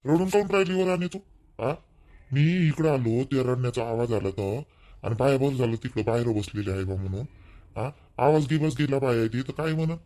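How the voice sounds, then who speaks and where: A man's voice: medium pitch, fairly quick, natural voice. A man playing a scolding old father-in-law. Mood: questioning. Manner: scolds loudly, then soothes. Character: older village father-in-law, scolding but kindly.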